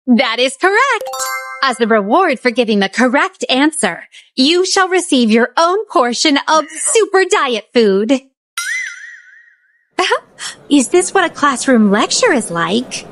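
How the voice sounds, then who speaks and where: A woman's voice: high voice, sing-song, slow, pauses often, a bit bright, no room sound, full character voice. A woman voicing a poised, curious and naive otherworldly attendant in a video game, speaking in formal, flowery and overly polite phrases. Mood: playfully earnest. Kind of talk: scripted video game dialogue.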